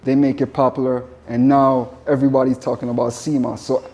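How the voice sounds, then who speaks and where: A man's voice: medium pitch, level tone, fairly quick, darkish tone. A man from Jamaica with a Jamaican accent, a vegan chef giving a casual spoken presentation, earnest and repeating his points. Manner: earnest, repetitive phrasing with spiritual asides.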